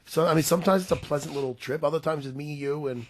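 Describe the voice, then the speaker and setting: A man's voice: on the high side, quick pace. A man in his forties co-hosting a podcast, talking bluntly and profanely in rambling, restarting casual banter. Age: 40s. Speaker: podcast co-host.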